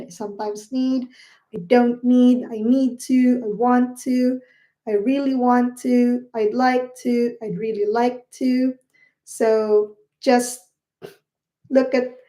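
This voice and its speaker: A woman's voice: on the high side, mellow. A woman teaching a live online English lesson, patient and encouraging, asking the class questions and answering them herself.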